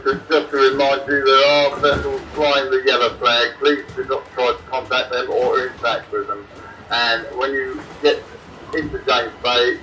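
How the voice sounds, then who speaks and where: A man's voice: mid-range voice, sharp tone. A man working as a coastal radio operator, speaking over a marine radio in formal radio procedure and repeating call signs. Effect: marine radio transmission. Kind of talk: radio communication. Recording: echoey, distant, noisy radio.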